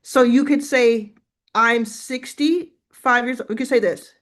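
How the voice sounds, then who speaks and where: Slightly high-voiced and a touch slow, a woman runs a casual live coaching chat about business. She stays chatty and supportive, offering feedback while reasoning aloud.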